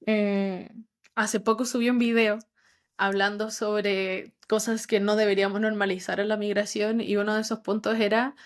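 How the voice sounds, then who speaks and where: A young adult woman with a Chilean accent, a psychologist calmly explaining her views with many asides in a podcast chat. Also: mid-range voice. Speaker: psychologist guest. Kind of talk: casual podcast conversation.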